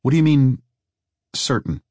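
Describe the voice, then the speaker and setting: A man's voice: medium pitch, sing-song, moderate pace, a little mellow, no room sound, studio quality, pitched above the performer's own voice, close to an everyday voice. A man voicing a curious, anxious young man who keeps asking questions. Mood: puzzled.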